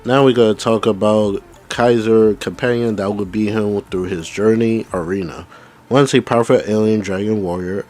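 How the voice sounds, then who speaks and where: Fighting off the start of the flu, this man runs a gaming channel and reads game text aloud with casual remarks, tripping over words and starting again. He speaks in a low, dark voice.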